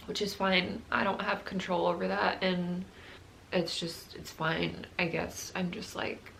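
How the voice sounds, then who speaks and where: A woman's voice: on the low side, level tone, measured pace, vocal fry, a bit bright, slight background noise. A young woman talking candidly to her phone camera in a personal video diary, rambling and reflective. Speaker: vlogger.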